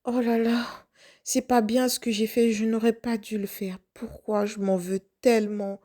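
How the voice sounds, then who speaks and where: A woman's voice: on the high side, level tone, moderate pace, warm tone, lightly acted. A woman acting out a young, lovestruck waitress who panics and keeps questioning herself. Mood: distraught. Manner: breathless, flustered self-questioning. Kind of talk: first-person story acting.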